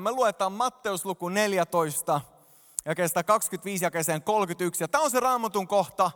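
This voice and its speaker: A male pastor delivering an animated sermon from a church stage, speaking directly to the congregation. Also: high voice. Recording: long hall reverb.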